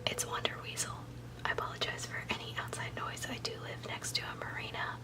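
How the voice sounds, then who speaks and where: A woman hosting an ASMR recipe video, speaking in a soft, unvoiced whisper as she explains each step in a chatty way. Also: a little fast, far from the mic. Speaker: video host.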